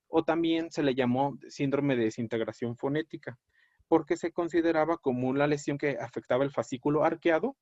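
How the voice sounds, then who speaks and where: A man lecturing on a clinical topic in a measured, explanatory way, often pausing on fillers and correcting himself mid-word. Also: medium pitch, a little mellow, dry recording. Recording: dry, dull lo-fi audio.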